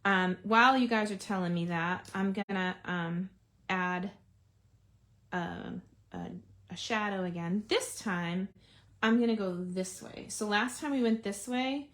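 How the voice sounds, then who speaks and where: Woman, live craft-demo host, mid-pitched, chatty and thinking aloud with viewers. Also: unhurried, a bit bright. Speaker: card-making demonstrator.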